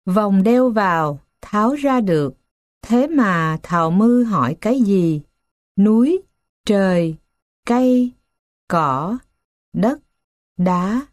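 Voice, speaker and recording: A woman reading children's stories aloud as scripted narration, with a slow, gentle storybook manner. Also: mid-range voice, no echo, clean studio sound.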